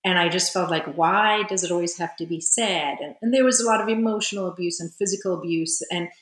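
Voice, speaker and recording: Woman, South African-raised healer, interview guest; low pitch, reflective and earnest, recorded with room echo. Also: fast talker. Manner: earnest and reflective, with frequent "you know". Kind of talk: personal storytelling in an interview.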